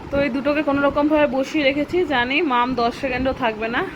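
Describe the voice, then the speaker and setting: A woman's voice: sits high, fairly even intonation, very fast, dull audio. A young woman vlogging at home, coaxing her children and chatting to viewers. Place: at home, indoors. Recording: noisy home recording with vehicle sounds.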